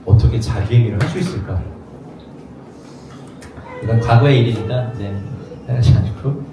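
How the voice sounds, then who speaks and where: A man's voice: mid-range voice, normal speed. Male pastor giving a chatty sermon, very echoey room, a bit far from the mic. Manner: conversational, acts out quoted voices. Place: rented studio space used for worship. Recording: echoey room, mic at a distance, faint noise.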